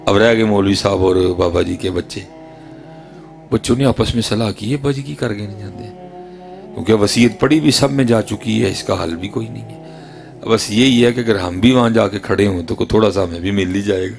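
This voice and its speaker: A middle-aged man preaching a sermon with a Punjabi accent. He swings between loud exhortation and hushed near-whispers, and keeps addressing his listeners as "Hazrat ji". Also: lowish voice, gravelly, faint music behind. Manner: addresses the audience repeatedly as "Hazrat ji". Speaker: religious preacher.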